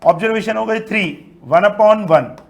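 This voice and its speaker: A male statistics teacher, lecturing an online class, lively and asking then answering his own questions. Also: sits high, unhurried, vocal fry. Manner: mixes Hindi with English terms.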